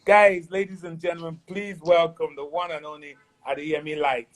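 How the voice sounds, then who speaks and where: High-voiced, joking male host. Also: level tone, normal speed, low-quality recording. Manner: playful, teasing, laughs often. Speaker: talk show host. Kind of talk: casual chat interview.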